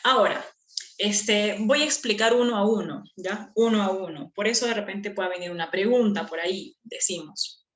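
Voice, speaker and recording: A woman's voice: medium pitch, moderate pace. A woman teacher explaining a lesson patiently, repeating key terms and checking that students follow. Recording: echoey room.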